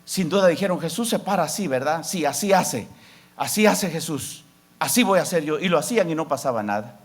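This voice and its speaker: Male pastor, sermon, high voice, wide swooping pitch, calls out to the congregation. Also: expressive, brisk. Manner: preaching with sweeping rises and drops, calling out "hermano".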